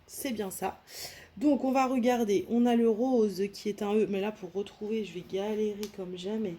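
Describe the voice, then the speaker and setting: A woman's voice: medium pitch, fairly even intonation, moderate pace, mellow. A young French woman chatting casually to camera while unboxing a craft kit, rambling and restarting her sentences as she thinks aloud. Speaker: diamond painting vlogger.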